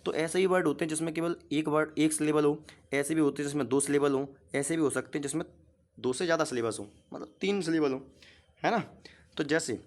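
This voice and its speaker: A man's voice: a little high, brisk. A man teaching a grammar lesson. He explains step by step, keeps asking short questions and answers them himself. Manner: asks questions and repeats the answers.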